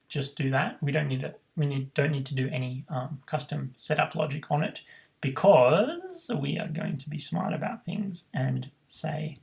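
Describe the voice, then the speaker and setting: Casting: male coding tutor, heavy vocal fry, halting think-aloud delivery, faint noise and keyboard clicks behind. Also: fairly high pitch, rough recording. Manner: thinks aloud with frequent ums and self-corrections. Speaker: programming tutor. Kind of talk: screen-recorded coding tutorial.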